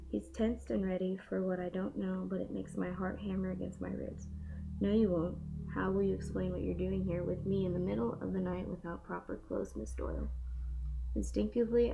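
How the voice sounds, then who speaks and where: A young woman reads a passage from a novel aloud. Her voice is full of gravelly fry and has a soft, dark tone. It is a slightly dull home recording with faint noise behind her. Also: medium pitch.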